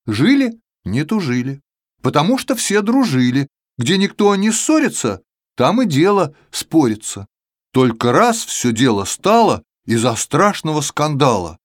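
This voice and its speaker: A man narrating a children's verse tale in an expressive, sing-song storytelling manner. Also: a little high, measured pace, no room sound, clean studio sound.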